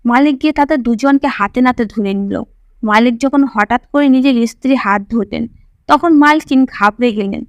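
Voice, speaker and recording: A woman narrating a suspense story in steady, scripted first-person storytelling. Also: a little high, normal speed, dry recording.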